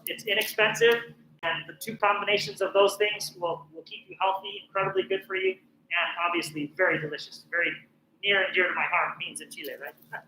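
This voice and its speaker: A man's voice: high voice, sharp tone, roomy sound, a little hiss or hum, poor audio. A middle-aged man from northern New Mexico, a professional chef giving a chatty, encouraging cooking class with plenty of "um" fillers. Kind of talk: casual cooking presentation.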